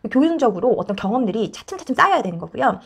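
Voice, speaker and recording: A woman child counselor explains parenting advice at a quick clip. Her fairly high voice rises and falls a lot, and she acts out the voices she quotes with plenty of energy. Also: very animated, gravelly, husky.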